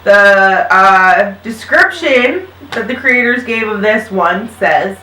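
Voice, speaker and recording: Speaking slowly and expressively with a sharp, medium-pitched voice, an upbeat mother in her thirties hosts a casual chat with her kids recommending podcasts. The recording sounds roomy, as if captured from a distant mic.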